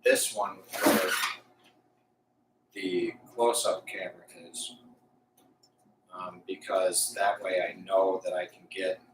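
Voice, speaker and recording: A man live streaming casual, unscripted talk, thinking aloud haltingly as he tests a Bluetooth mic. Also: low-pitched, level tone. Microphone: Bluetooth lapel mic. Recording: echoey, distant Bluetooth mic, faint noise.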